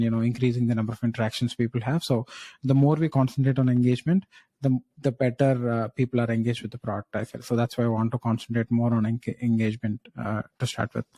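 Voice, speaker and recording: A man plays a job interview candidate, thinking aloud through structured answers with hesitant pauses and frequent checking tags. His voice is mid-range and dark in tone, with no room sound.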